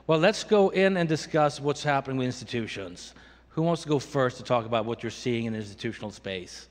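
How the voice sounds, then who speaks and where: A man's voice: medium pitch, expressive, brisk. A man moderating a conference panel with brief, courteous prompts. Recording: reverberant conference hall.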